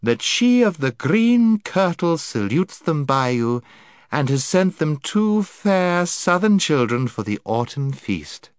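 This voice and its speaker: A sweet-voiced enchantress in green, put on by a man reading aloud, rolling her r's in a lilting, courtly way. Her voice swoops up high and floats, recorded close and dry. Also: sing-song, slow, clear, resonant tone, dry recording. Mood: honeyed.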